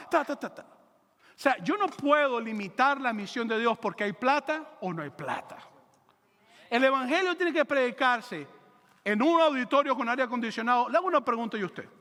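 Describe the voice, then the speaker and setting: A man pastor preaching a lively, joking sermon into a handheld microphone in a church auditorium. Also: very high-pitched, in a large hall.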